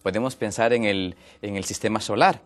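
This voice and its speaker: On a health show, a guest from Ecuador talks through a subject patiently, pausing often and using lots of fillers. He speaks with a fairly low pitch.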